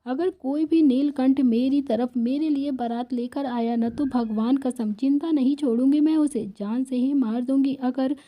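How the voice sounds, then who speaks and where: A woman's voice: sits high, normal speed, hardly any pauses. A woman voicing an emotional young woman in a family story, pleading and tearful in turns. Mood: upset, pleading. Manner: pleading, then tearful, then excited.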